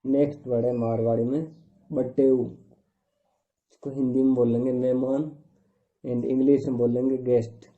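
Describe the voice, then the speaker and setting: A man's voice: mid-range voice, level tone. A man teaching a vocabulary lesson word by word, giving each word's meaning in plain, repetitive phrases. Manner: slow, repetitive listing of words with translations. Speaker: language teacher. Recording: tinny phone-like recording.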